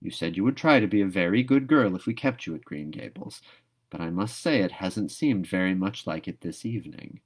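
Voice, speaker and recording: Storybook guardian, a stern middle-aged woman, read by a man: dry, measured, low-pitched, fair-minded. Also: lively intonation. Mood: reproving. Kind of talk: storybook read-aloud character voice.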